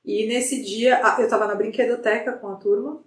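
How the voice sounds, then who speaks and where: A middle-aged woman, a psychologist guest, telling a story in a lively way with many restarts. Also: a little high, moderate pace, distant mic. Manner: animated retelling with frequent restarts. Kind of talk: conversational storytelling in an interview. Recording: roomy sound from off the mic.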